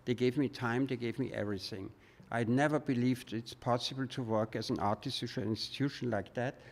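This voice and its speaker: A man with a gravelly, creaky voice gives an informal guest lecture as an artist. He talks in a reflective, loosely rambling way. His voice rings out with the long reverb of a large hall. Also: medium pitch, steady tone, a little fast, darkish tone.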